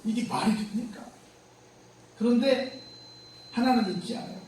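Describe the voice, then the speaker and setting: A man's voice: very high voice, normal speed, a little mellow, recorded from a distance, slight background noise. A male pastor preaching a sermon in a conversational way, firing rhetorical questions at the congregation. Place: church sanctuary. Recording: very echoey church room from afar.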